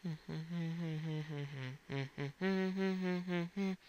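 A young man commenting on a game as he plays, reacting out loud and talking to himself, his voice cracking now and then. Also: fairly high pitch, steady tone, drawn-out words, lo-fi sound. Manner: reacts loudly and talks to himself while playing. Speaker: let's play gamer. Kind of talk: gameplay commentary.

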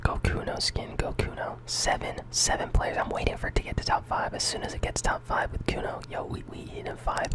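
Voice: fairly quick, hardly any pauses. A gaming channel host giving whispered ASMR commentary on a game.

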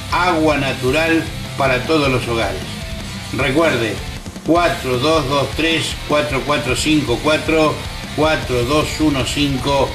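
Slow male ad announcer, slightly high voice, roomy sound. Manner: measured, spells out phone numbers slowly. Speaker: advertising announcer. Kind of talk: slow commercial voice-over.

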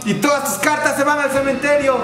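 A young man with a Mexican accent playing a dramatic, boastful card duelist, shouting out his game moves. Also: very high-pitched, fairly even intonation, a little fast. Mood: triumphant. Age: young adult. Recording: echoey room, loud music behind.

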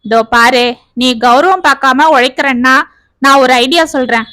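A woman doing a bold young village girl from a storybook, sharp-tongued and scolding, her voice high and bright. She talks close to the mic in a dry, deadened space. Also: moderate pace, dry recording. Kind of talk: storybook reading.

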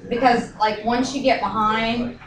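A woman's voice: fairly high pitch, fairly even intonation, unhurried. A woman in her forties, a Spanish teacher chatting casually and encouraging a student to practice. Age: 40s. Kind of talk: casual chat. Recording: echoey room, mic far off, crowd chatter.

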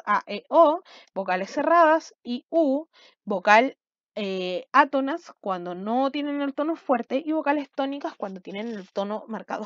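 A woman's voice: high-pitched, no echo. A woman, a schoolteacher giving a recorded video lesson, explaining patiently and often checking understanding with short questions. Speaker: school language teacher. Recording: dull, slightly lo-fi sound.

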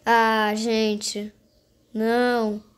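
Female gaming host, notably high-pitched, casual play-by-play aimed straight at viewers, repetitive phrasing. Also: little pitch movement, extremely slow, clean tone. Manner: repetitive, addresses viewers directly. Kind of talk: casual game commentary.

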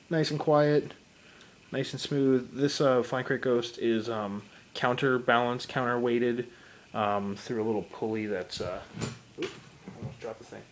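Filming indoors at home on a handheld phone, a hoarse young hobbyist rambles through his Halloween haunt build, saying um often while handling gear. His pitch is fairly low, and the rough recording carries slight background noise.

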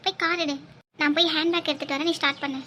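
A man doing a bossy high young woman. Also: level tone, bright, forceful tone, a little hiss or hum. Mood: brisk. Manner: bossy, hurried. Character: brisk young woman heading to the office. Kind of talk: cartoon voice acting.

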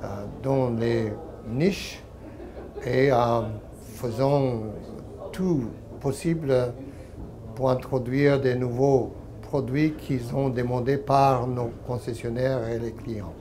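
At a small exhibition stand room at a trade fair, a company's president and owner, a man in his sixties, is interviewed about the business. His French is non-native and accented, and his delivery halts frequently as he hunts for words. His voice is medium in pitch, steady and dark, and the trade show background noise comes through clearly.

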